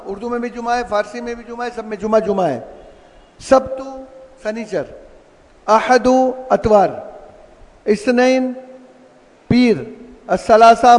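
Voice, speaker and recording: A man's voice: extremely high pitch, in a large hall. A man teaching an Arabic lesson, explaining words and asking and answering his own questions. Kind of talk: classroom lesson.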